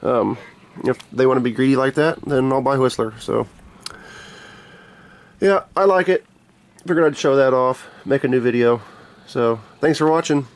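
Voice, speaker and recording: Casual man, mid-pitched, offhand delivery. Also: normal speed, long pauses. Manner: informal, unscripted, offhand. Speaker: hobbyist video maker. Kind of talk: casual product show-and-tell. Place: small bedroom, indoors.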